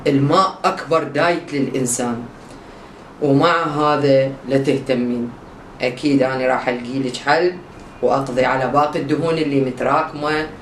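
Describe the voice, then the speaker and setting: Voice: medium pitch, far from the mic, lightly acted. Brusque, short-tempered diet doctor played by a performer, Iraqi accent, comedy sketch, echoey room, voice set back from the mic. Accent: Iraqi Arabic. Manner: curt, brusque. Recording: echoey room, voice from afar, faint hiss.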